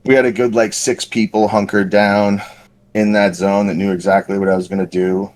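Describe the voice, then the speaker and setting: A man's voice: on the low side, little pitch movement, moderate pace, darkish tone, slight background noise. A man on a podcast casually telling a long paintball story, rambling and self-deprecating with lots of fillers. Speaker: podcast co-host.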